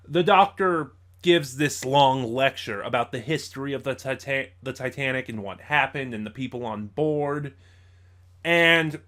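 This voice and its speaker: With a medium-pitched, slightly bright voice, the man hosts a casual spoken review. His delivery is halting, full of stumbles and self-corrections.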